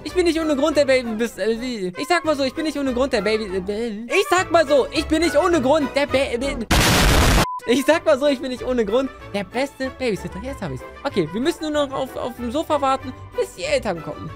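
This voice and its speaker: A woman giving excitable gameplay commentary, often shrieking and laughing at what happens on screen. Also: high voice. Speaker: let's-play gamer. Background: game music.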